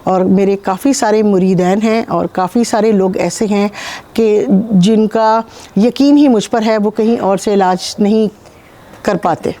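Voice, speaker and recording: Calm woman with a mellow voice. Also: medium pitch. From Pakistan. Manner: calm, measured storytelling with frequent pauses. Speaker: spiritual healer guest. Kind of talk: interview, recounting personal experiences.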